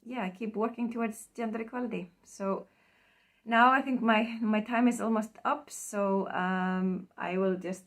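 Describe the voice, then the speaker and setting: A woman from Iceland with an Icelandic accent, giving a hesitant recorded acceptance speech full of pauses and ums, trailing off quietly at times. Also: mid-range voice. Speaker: award recipient.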